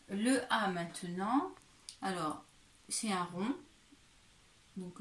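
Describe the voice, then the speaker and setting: A woman, a primary school teacher, slowly and patiently walking a young child through handwriting step by step and talking to the child directly. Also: mid-range voice. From France. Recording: roomy, distant from the mic, faint background noise.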